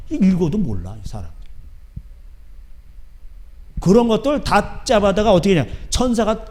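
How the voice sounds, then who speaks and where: A middle-aged male pastor preaching a sermon in a church, talking emphatically with constant rhetorical questions and sudden shouts. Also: wildly swooping pitch, brisk. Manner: swings between loud shouting and low asides. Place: church sanctuary.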